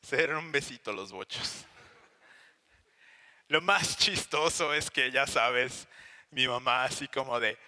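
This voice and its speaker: A man's voice: mid-range voice, measured pace, long pauses, bright, forceful tone, big-room sound. A young man with a Mexican accent preaching a sermon, telling a personal story with acted-out voices and sound effects. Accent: Mexican Spanish. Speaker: pastor.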